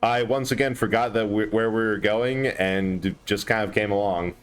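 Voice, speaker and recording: A man's voice: fairly low pitch, fairly even intonation, moderate pace, smooth. A man streaming a game, chatting casually and laughing often as he jokes. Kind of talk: casual chat while gaming.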